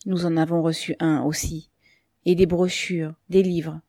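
A woman's voice: little pitch movement, measured pace, warm tone, no echo, studio quality. A woman voicing a brooding bearded peasant. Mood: pensive. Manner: low, pensive speech. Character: bearded male peasant, thoughtful, quiet, brooding.

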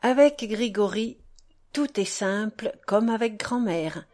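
A woman narrating a literary audiobook in a measured, expressive, unhurried way. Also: mid-range voice.

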